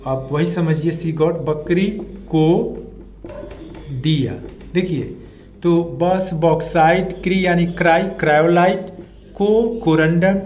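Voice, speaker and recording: Male chemistry teacher, high voice, patient and repetitive, echoey room faint hiss. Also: a little mellow. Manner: patient, repeats key terms and asks the class questions. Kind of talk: classroom lecture with memory tricks.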